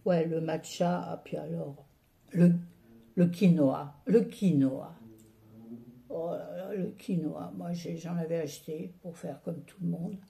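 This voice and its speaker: A woman's voice: lowish voice, steady tone, unhurried, creaky, dark tone. A woman vlogger chatting casually to her viewers from home, grumbling and ranting in an exasperated, colloquial way. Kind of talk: casual vlog chat to viewers.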